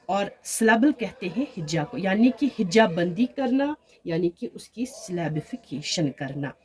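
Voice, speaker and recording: A woman's voice: mid-range voice, darkish tone. A woman teaching an online Urdu grammar lesson over slides, stretching out example words and often checking in with "theek hai na?". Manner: slow, drawn-out word examples, frequent "theek hai na?".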